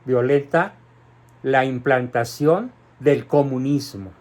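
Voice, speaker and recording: Slow, emphatic man. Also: medium pitch, darkish tone. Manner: indignant, emphatic, deliberate. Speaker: commentator. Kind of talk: polemical commentary.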